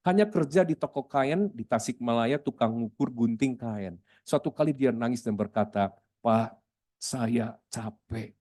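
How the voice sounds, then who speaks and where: A man's voice: medium pitch, moderate pace. A middle-aged man, a pastor telling stories in a sermon and often addressing the congregation. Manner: lively storyteller, keeps addressing the congregation. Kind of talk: sermon storytelling.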